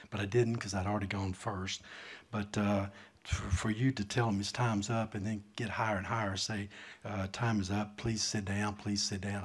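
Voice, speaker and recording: A man making a public comment, speaking slowly and haltingly. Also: fairly low pitch, breathy edge. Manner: slow, halting speech. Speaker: citizen speaking at public forum. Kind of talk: public comment from handwritten notes. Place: council meeting room.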